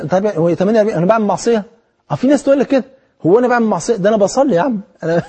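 A man preaching with an Egyptian accent in an animated, exhortative way, firing rhetorical questions at his listeners. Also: high-pitched, breathy edge. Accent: Egyptian Arabic. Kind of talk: colloquial religious sermon.

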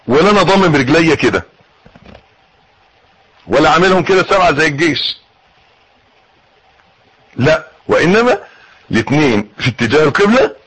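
A man with an Egyptian Arabic accent teaching how to pray, coaxing his listeners and demonstrating each step, with a husky voice. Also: mid-range voice, fairly bright tone, poor audio. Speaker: religious teacher.

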